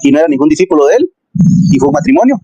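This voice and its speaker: A man's voice: on the high side, very animated, racing, mellow, breathy edge, no room sound, low-quality recording. A man hosting an interview, arguing with rhetorical questions aimed at critics. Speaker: interview host. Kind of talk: conversational commentary.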